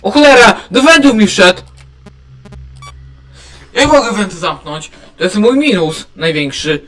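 A man doing let's play commentary, excitable, often yelling at characters in the game. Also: sits high, a little slow. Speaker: gamer.

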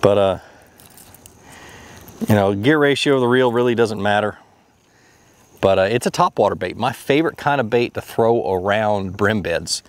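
A man's voice: lowish voice, moderate pace, pauses often, dry recording. A man in his thirties hosting a fishing video, casually explaining lures and rods from a boat on a lake, rambling with lots of fillers and restarts. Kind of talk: casual how-to narration while fishing.

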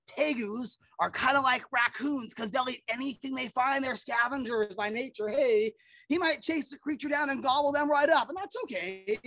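A woman's voice: fairly high pitch, fairly bright tone, no room sound. Chatty woman with surfer slang, dry sound. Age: middle-aged. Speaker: animal presenter. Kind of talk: casual educational reptile show. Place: outdoors in a yard.

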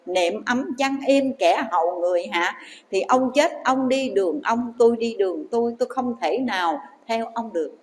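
A nun voicing a blunt first wife. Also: female voice, on the high side, normal speed, big-room sound, lightly acted, low-quality recording. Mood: firm. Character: blunt wealthy first wife refusing husband.

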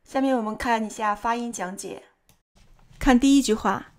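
A woman's voice: on the high side, normal speed, darkish tone. Methodical woman pronunciation instructor. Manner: methodical, explains step by step. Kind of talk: explanatory lesson narration.

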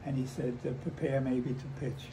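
An American man in his nineties, an old veteran remembering the past in halting, conversational stories, repeating himself and acting out remembered dialogue. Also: medium pitch, flat delivery, mellow. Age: 90s. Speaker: war veteran interviewee. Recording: noisy handheld home recording.

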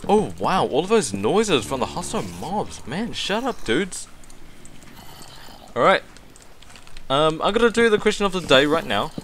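A man hosting a gaming video, chatting casually over his gameplay, excitable, with lots of ums and laughs. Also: on the high side, measured pace, long pauses, slight background noise.

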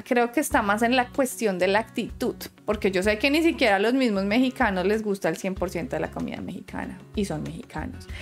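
A young Colombian woman with a Santander accent giving chatty, expressive reaction commentary and laughing often. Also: a little high. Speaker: YouTube reaction host.

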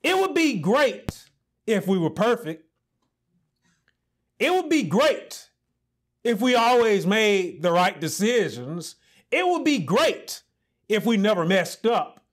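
Using big pitch swings in a high-sitting voice, a man in his thirties preaches as pastor, pausing deliberately as he builds toward emphatic, repeated lines. A lapel mic captures him in a small church office with a pulpit.

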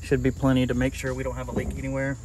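A man's voice: mid-range voice, completely flat delivery, very fast, over music. A man working as an HVAC technician, explaining a repair outdoors in a casual, plain-spoken way with fillers. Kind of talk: on-the-job explaining. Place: outdoors at an air conditioning unit.

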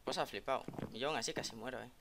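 Male gamer commentator, mid-pitched gravelly voice, excitable trash talk, noisy desk-mic recording with an echoed doubled voice. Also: very fast. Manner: excitable, jokey trash talk aimed at opponents. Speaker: gaming video creator. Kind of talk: live game commentary. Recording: loud background noise, keyboard clicks, doubled voice from an open call.

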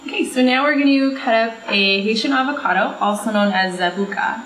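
A woman's voice: fairly high pitch, brisk, fairly bright tone. A young woman walks through a home cooking demonstration, chatty and explanatory. The kitchen sounds roomy and echoey, and faint music plays underneath. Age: young adult. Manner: chatty, explaining each step. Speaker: cooking show presenter.

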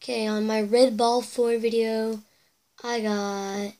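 Talking slowly in a fairly high, level and mellow voice, a teenage girl reads viewer comments to her webcam in her bedroom. She rambles casually with whispered asides, her voice cracking a bit as she's losing it.

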